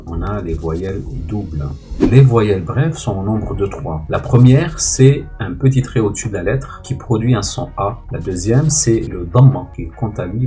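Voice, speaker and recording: A man teaches in a low, steady voice, patient and explanatory. He slows down to repeat each sound for his learners. Soft music plays faintly behind him. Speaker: Arabic teacher. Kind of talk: step-by-step lesson narration.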